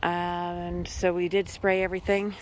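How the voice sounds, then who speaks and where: A woman's voice: lowish voice, level tone, a little slow, slight background noise. A woman from Massachusetts casually walking through her garden and thinking aloud with many ums. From Massachusetts, USA. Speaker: homesteader giving a garden tour. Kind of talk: casual walk-through vlog. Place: outdoor garden.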